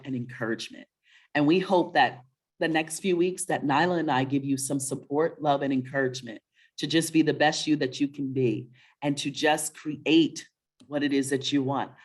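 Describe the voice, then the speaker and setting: In a low voice, a woman co-hosts a webinar on children's stories. Her chatting is casual, warm and encouraging, motivational in tone, with frequent check-in questions.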